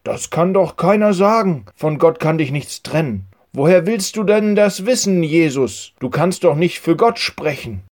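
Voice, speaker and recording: A man's voice: fairly high pitch, animated, unhurried, hardly any pauses, pitched above the performer's own voice. A man doing an angry scolding teacher. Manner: loud, scolding, raised. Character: angry red-faced male teacher.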